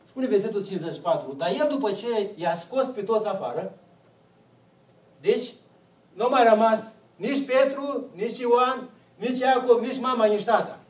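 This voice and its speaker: A man's voice: sits high, reverberant, distant mic, low-quality recording. A man preaching a sermon, putting questions to the congregation and answering them himself.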